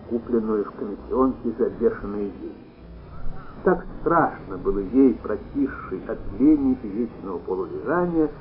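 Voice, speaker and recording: A man narrating a literary story aloud in an expressive, animated reading style. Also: mid-range voice. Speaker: audiobook narrator. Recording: tinny phone-like sound, faint noise.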